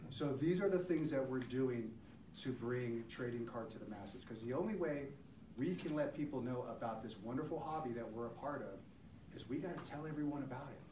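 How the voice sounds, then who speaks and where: A man gives an upbeat sales talk at an event. A low-quality recording of the live session catches him from far off. The room echoes and carries a steady noise. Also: a little fast. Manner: upbeat, salesy, retells conversations. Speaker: company speaker presenting at a collectors' event. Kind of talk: promotional presentation talk.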